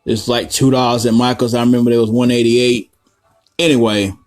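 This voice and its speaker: A man's voice: medium pitch, little pitch movement, a little fast, darkish tone. Rambling, foul-mouthed man teaching coloring. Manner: rambling, profane, joking asides. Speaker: art tutorial host. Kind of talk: casual drawing tutorial.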